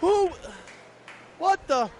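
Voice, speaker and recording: A man's voice: extremely high pitch, expressive, drawn-out words, slight background noise. A man bantering as a wrestling color commentator, petulant and stammering in mock disbelief. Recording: loud event music behind.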